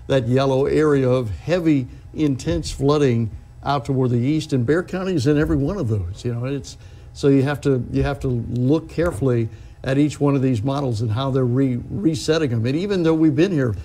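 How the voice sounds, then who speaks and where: A male TV forecaster with a soft-edged, mellow voice at an average pitch. He talks through weather analysis unscripted, explaining things in a halting way and rephrasing as he goes.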